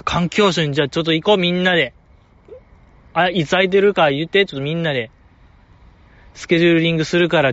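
A man's voice: fairly high pitch, a bit bright, dull audio. A man with a Kansai accent, talking alone as a fan commentator in a playful, joking, exaggerated way. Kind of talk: casual solo talk.

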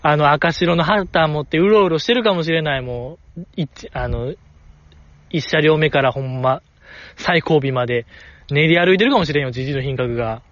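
A man with a Kansai accent hosting a solo podcast in casual chat, excitable, his pitch jumping when he gets enthused. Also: moderate pace, highs cut off. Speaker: podcast host.

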